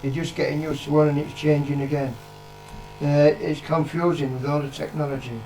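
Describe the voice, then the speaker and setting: Speaking fairly quickly in a level tone, this older British interviewee has a slightly high yet dark-toned voice. He's the vlogger's father, casually sharing opinions with blunt, sweary repetition for emphasis. A little hiss or hum runs under the rough recording.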